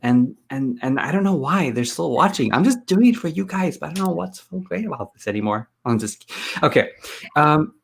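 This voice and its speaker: A man's voice: a little high, expressive, moderate pace, gravelly, husky. A man hosting a casual live-stream chat, teasing his co-host and reading out viewer questions. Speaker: host, photographer.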